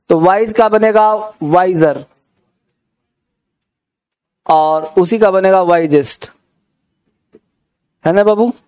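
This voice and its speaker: A man's voice: high-pitched, darkish tone. A man teaching a grammar lesson, often checking that students have understood and coaxing them along, with an Indian accent on English words. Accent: Indian English words in Hindi.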